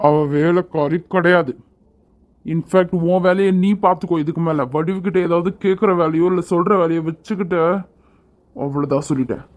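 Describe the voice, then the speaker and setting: A hot-tempered cartoon young man who scolds and commands, fierce in defending someone he cares about, as an actor plays him. The voice sits at an everyday middle pitch. It is a cartoon voice performance. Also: a little fast, darkish tone, close to an everyday voice. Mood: angry. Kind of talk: animated cartoon voice acting.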